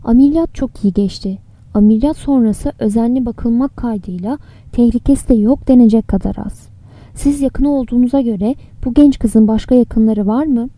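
A woman voicing a calm, measured male doctor in an audiobook. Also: a little high, no echo, lightly acted.

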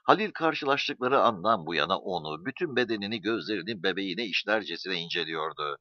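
A man narrating a story as an audiobook reader, in an expressive storytelling manner. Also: low voice, a little fast, no echo. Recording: dull dry recording.

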